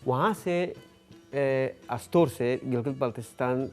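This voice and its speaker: A man from Gilgit-Baltistan, a guest on a talk show, explaining things slowly with many filled pauses. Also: mid-range voice, faint music behind. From Gilgit-Baltistan, Pakistan. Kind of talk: studio talk show conversation.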